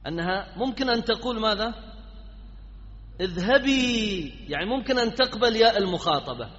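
High-voiced man teaching in an echoing hall. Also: a bit bright. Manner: quizzing, prompting students with repeated questions. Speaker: grammar teacher. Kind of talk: classroom lesson with questions to students. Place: classroom. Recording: dull lo-fi sound in a reverberant hall.

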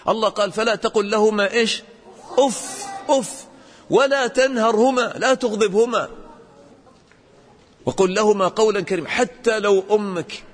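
A man teaching a religious lesson to children, questioning the class and acting out examples in an animated way. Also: high voice, big-room sound.

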